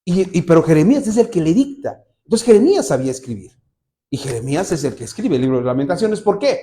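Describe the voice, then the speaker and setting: A male pastor delivers a sermon before a church congregation, reading scripture aloud and then retelling the story for his listeners. His voice sits a little high yet sounds mellow and warm. He moves through a lively range, asking the room questions as he goes. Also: fast.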